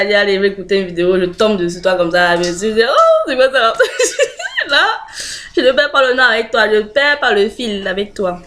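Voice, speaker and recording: A French woman talks straight to her camera in a loose, chatty way, pausing on fillers as she searches for words. Her pitch sits in an ordinary middle range for a woman, and she slips into easy laughter. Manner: chatty, hesitant with many fillers, laughs often. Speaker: video blogger. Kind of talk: casual direct-to-camera chat.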